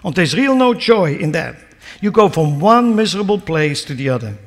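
A male pastor delivers a sermon with a high-pitched, swooping voice. He preaches emphatically and keeps turning to the congregation with rhetorical questions. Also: big pitch swings, normal speed. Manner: emphatic preaching, rising to near-shouts and dropping low.

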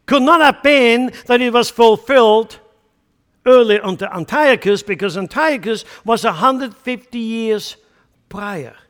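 A pastor from central Switzerland with a Swiss German accent preaches a sermon full of emphatic rhetorical questions. His voice is very high and fairly bright, a little slow, echoing in a large hall.

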